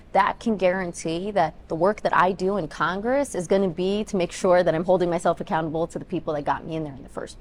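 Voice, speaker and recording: A woman's voice: fairly low pitch, a little hiss or hum. A woman in her twenties, raised in Denver, answering interview questions as a congressional candidate, earnest, with many ums. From Ethiopia, raised in Denver. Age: 20s. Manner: earnest, talks in long run-on points with many ums.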